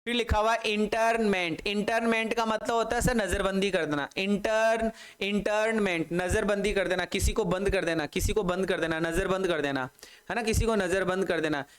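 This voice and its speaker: A man's voice: high voice, fairly even intonation, normal speed, fairly bright tone, clean tone. A man with an Indian accent teaching English vocabulary in Hindi, repeating each word many times and spelling it out letter by letter. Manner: drills students to repeat aloud. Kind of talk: online vocabulary lesson.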